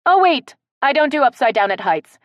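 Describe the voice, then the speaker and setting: A woman voicing an excitable, gushing woman. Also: high-pitched, normal speed, dry recording, highs cut off, pitched above the performer's own voice.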